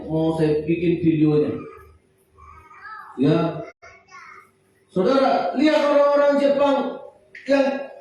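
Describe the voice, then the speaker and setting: A man preaching a sermon in a church, animated, acting out the panicked cries of people. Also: high voice. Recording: echoey church hall from far off, faint noise.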